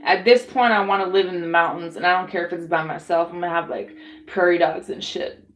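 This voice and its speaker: A young woman streaming live, talking bluntly and casually with lots of swearing and slang, hoarse and clearing her throat as she loses her voice. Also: fairly low pitch, steady tone, brisk, poor audio. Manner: blunt, profane, laid-back slang. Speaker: tarot streamer. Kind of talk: casual livestream chat.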